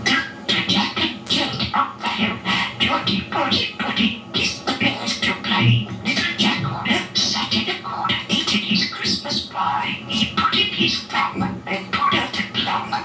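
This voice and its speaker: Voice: medium pitch, huge pitch swings, a little slow, roomy sound, distant mic, over music. A small pet budgie mimicking human speech in scratchy, squawky parakeet chatter, repeating phrases and nursery rhymes. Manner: chirpy, repetitive chattering mimicry.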